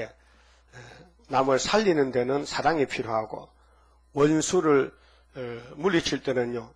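An older pastor preaches in a folksy, conversational style, firing off rhetorical questions and acting out the lines he quotes. His voice is medium-pitched and slightly rough.

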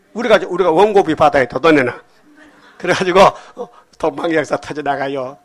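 An older man preaching a sermon to his congregation, rambling from story to story and prodding the listeners with quick questions. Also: on the high side. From Gyeongsang Province, Korea. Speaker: pastor.

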